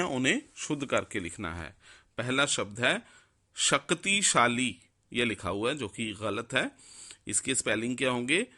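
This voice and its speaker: Male teacher, unhurried and methodical, spells words out step by step; lively intonation. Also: mid-range voice. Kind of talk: explaining a Hindi grammar lesson.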